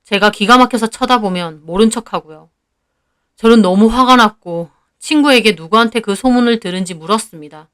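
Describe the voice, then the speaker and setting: Woman, story narrator, clear smooth voice, even measured delivery. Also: mid-range voice. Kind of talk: scripted first-person story narration.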